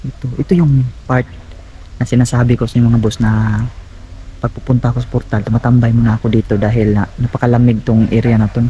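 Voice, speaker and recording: A man filming a ghost-hunting vlog outdoors at night on a handheld camera, calling out loudly, then dropping to hushed asides for his viewers. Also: mid-range voice, little pitch movement, fast talker, muffled recording, slight background noise. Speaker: paranormal vlogger.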